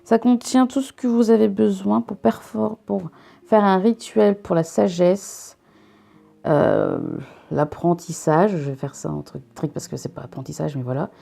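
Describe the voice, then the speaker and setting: Young woman from northern france, gravelly low-ish mellow voice, chatty and jokey, faint music behind. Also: unhurried. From northern France near the Belgian border. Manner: chatty, self-interrupting, jokey asides. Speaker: vlogger reviewing a subscription box. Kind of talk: casual unboxing chat.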